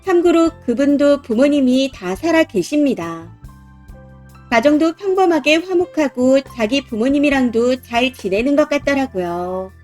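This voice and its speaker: High-voiced woman narrating a story. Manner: steady first-person storytelling. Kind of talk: reading a submitted story aloud.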